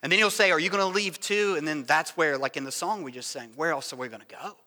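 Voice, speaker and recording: A man with a high, very bright voice preaches a sermon. He talks in an animated way, restarting phrases and putting on voices for quick asides. His voice rings out with a long reverb from a church hall. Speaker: pastor.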